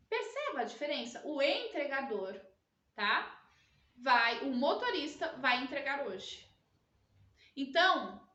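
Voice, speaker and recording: Brief: teacher, a woman with a high voice, patient and explanatory, recorded in an echoey room from a distance. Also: pushed and bright, highs cut off. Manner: explanatory, constantly checks in with listeners. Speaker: Portuguese teacher. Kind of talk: recorded grammar lesson.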